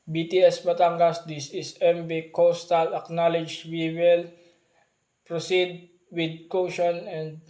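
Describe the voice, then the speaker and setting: A man doing a ship's radio call in formal marine radio procedure, as if over a walkie-talkie, slowly spelling out call signs. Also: on the high side, flat delivery, a little mellow. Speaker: ship radio operator in a role-play. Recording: roomy, echoey recording.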